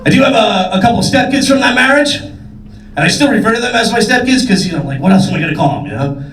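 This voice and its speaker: A man's voice: high voice, expressive, fast, a bit bright, far from the mic, slight background noise. A man performing a stand-up comedy set in a comedy club, brash and profane with self-mocking punchlines. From New York State. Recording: roomy club recording, faint crowd.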